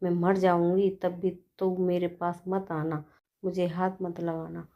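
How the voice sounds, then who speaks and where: A woman's voice: fairly low pitch, level tone, unhurried, dull audio. A woman storyteller voicing an angry, stubborn older mother-in-law who scolds harshly.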